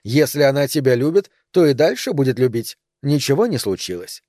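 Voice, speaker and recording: Man voicing an older grandmother, gruff, impatient, curt, mellow, dry. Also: medium pitch, sing-song, a little fast, no room sound. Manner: curt and irritable.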